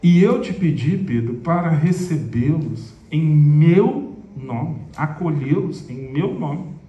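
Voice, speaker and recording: A man as a patient, gentle Jesus who speaks slowly and solemnly, with a soft, dark tone and a Minas Gerais accent. The voice comes from far off in an echoey hall. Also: fairly high pitch, lively intonation, lo-fi sound. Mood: tender. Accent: Minas Gerais Portuguese.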